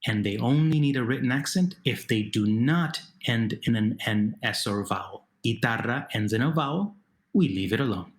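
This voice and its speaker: A man narrating a video lesson as a Spanish teacher, posing questions to the learner and then patiently answering them himself. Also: medium pitch.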